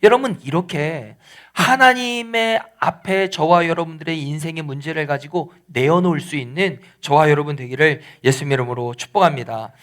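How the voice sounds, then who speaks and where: A man's voice: on the high side, normal speed, fairly bright tone. A male pastor preaching a midweek church sermon, explaining scripture in plain conversational words and rising to emphatic pleading. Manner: explains scripture in plain conversational paraphrase, acting out quoted lines.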